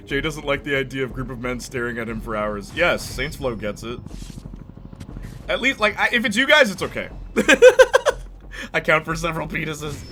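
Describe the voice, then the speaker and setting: A man's voice: on the high side, very animated, normal speed, long pauses, bright, forceful tone. Joking man streaming a game. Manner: joking, chatty, laughs often. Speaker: gaming streamer. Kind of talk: casual chat while playing a game. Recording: noisy background hiss.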